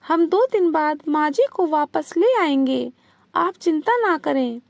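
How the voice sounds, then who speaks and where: Woman reading as a gentle young daughter-in-law. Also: high-pitched, animated, slow pace, gravelly, no echo, heavily acted. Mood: concerned.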